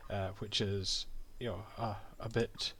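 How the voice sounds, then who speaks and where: A man's voice: lowish voice, level tone, a little slow, vocal fry, a bit bright, slight background noise. A man giving casual commentary over a video game, full of dry, sarcastic asides. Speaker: game streamer.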